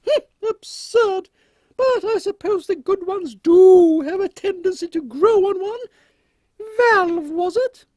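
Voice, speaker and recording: Guy putting on a haughty old english queen, super high voice, commanding, exclaims a lot, comedy serial. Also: takes it slowly, darkish tone, no room sound. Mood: imperious. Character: imperious elderly Queen Victoria, haughty, thrill-seeking royal lady. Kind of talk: steampunk audio comedy.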